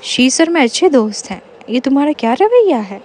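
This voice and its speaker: A woman voicing a sharp-tongued young wife who scolds her husband and reassures a friend. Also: high-pitched, big pitch swings, faint music behind. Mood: reassuring.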